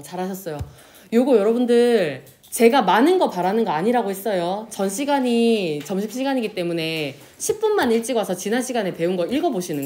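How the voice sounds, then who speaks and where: A woman teacher giving a classroom lesson, asking questions and answering them herself, and drawing out example words slowly. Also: mid-range voice. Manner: lively, pronounces example words slowly and drawn out. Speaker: Korean language teacher. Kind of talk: classroom lecture.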